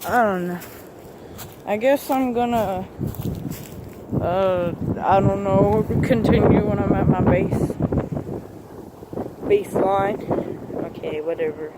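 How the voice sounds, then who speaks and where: Filmed from up a tree in the woods, this casual vlog features a man whose gender swap filter makes him sound like a woman. His voice sits high and he takes it slowly, pausing often as he rambles hesitantly and leans on plenty of fillers. The recording is very noisy.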